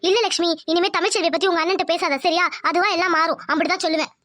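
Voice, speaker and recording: A woman voicing a worried, caring middle-aged mother in a cartoon, gentle but firm. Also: extremely high pitch, fairly even intonation, very fast, no echo, clean studio sound. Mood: soothing. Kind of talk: cartoon dubbing.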